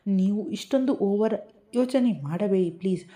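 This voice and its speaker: A woman's voice: medium pitch, moderate pace, mellow, lightly acted. A woman voicing a hurt young bride in a storybook reading, with pleading, sulky retorts.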